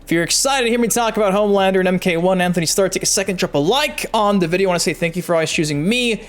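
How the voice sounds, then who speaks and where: A YouTube gaming news host with a high-pitched, rapid-fire voice delivers energetic video commentary. He reads articles aloud, chatting emphatically and speaking straight to his viewers.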